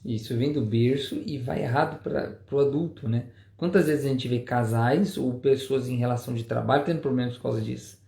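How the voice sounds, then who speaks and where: A father co-hosting a parenting show chats casually with his partner, explaining things and tagging many remarks with "né?". His mid-range, warm voice is a little fast with vocal fry and few pauses, and the audio is reverberant.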